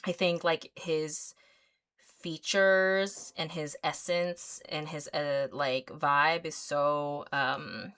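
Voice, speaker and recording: A woman's voice: sits low, fairly even intonation, drawn-out words, a bit bright, smooth. A woman in her thirties hosting an art livestream, chatting casually as she paints, rambling with lots of fillers and easy giggles. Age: 30s. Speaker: artist livestream host.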